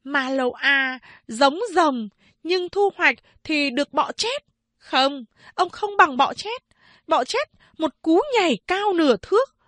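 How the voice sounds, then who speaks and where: A woman's voice: high voice, animated, takes it slowly, fairly bright tone, dry recording, studio quality, pitched above the performer's own voice, exaggerated voice. A woman playing a cutting, scornful young woman. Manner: cutting, mocking insults.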